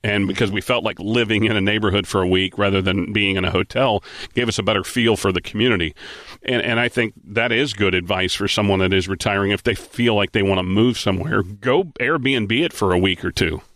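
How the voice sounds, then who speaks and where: Upbeat male radio host, low and punchy voice, dry studio sound. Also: fairly quick, a bit bright, no echo. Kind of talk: casual radio chat.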